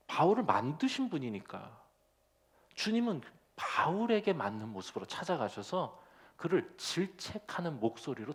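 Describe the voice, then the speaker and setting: A male pastor delivering a sermon in a playful, personal way, laughing at his own jokes and speaking straight to the congregation. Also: fairly high pitch.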